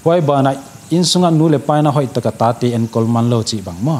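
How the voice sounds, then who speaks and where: A man who works as an addiction counsellor, explaining calmly and mixing in English terms during a panel discussion. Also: medium pitch, very slow. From Manipur, India.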